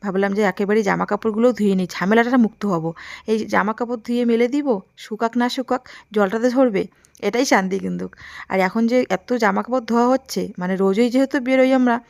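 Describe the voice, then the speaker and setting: Fast-chatting young woman with a Bengali accent. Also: fairly high pitch, creaky, a little mellow, no echo. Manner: chatty, talks to viewers while doing housework. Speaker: village vlogger. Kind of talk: casual vlog narration.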